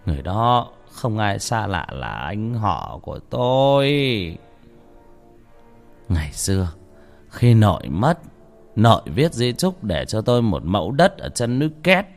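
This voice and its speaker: A man reading a horror story aloud, with dramatic shifts of pitch for tension. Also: sing-song, measured pace, vocal fry, soft background music. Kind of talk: scripted horror story narration.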